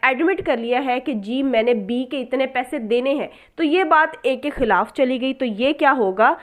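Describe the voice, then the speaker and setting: A female law lecturer with a Pakistani accent delivers an explanatory lecture in a high-pitched voice. She teaches didactically, posing questions and answering them herself while weaving in English terms.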